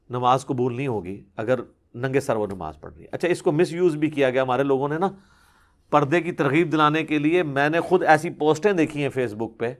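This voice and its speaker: A fairly high-voiced man delivers a religious lecture. He explains each point in an animated, teacherly way and acts out little examples as he goes. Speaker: religious scholar.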